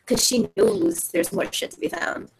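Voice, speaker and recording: Gravelly-voiced woman playing a tabletop game. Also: extremely high pitch, expressive, a little slow, rough recording. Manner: loose, swearing, playful. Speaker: player.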